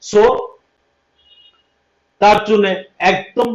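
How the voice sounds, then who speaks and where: High-voiced man teaching in an echoey room. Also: flat delivery, very slow. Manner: repeats points, checks understanding with questions. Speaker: English teacher. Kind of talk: livestream lesson. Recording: echoey room, dull lo-fi sound.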